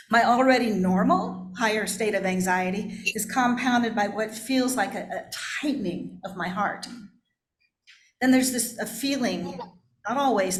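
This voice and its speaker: In an echoey church interior, a woman pastor with a fairly high voice delivers a candid, self-deprecating sermon of personal confession, with slight background noise behind her.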